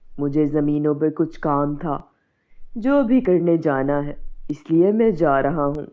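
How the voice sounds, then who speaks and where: Brief: a gruff, fretful village husband, low and tinny, cartoon dub. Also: female voice, animated, slow pace. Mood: stern, worried. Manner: scolding, then wailing in grief. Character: worried village husband, man, middle-aged, stern. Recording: tinny phone-like sound.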